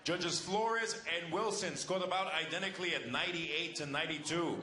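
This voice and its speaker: A man working as a bilingual English and Spanish boxing ring announcer, speaking in a formal, theatrical way with drawn-out names. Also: on the high side. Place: boxing arena. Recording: echoey PA in noisy arena.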